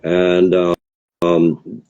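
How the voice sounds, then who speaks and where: A man's voice: sits low, completely flat delivery, very slow, gravelly, a little mellow, clear, resonant tone, dull audio. A man from the area, a guest poet talking in a casual interview, rambling and hesitant with many fillers and restarts. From Boston area, USA.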